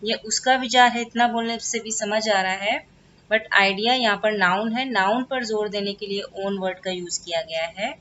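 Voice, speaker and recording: A woman teaching a grammar lesson with an Indian English accent. She reads the English slowly and word by word, then explains more quickly in Hindi. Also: mid-range voice, a bit bright, highs cut off.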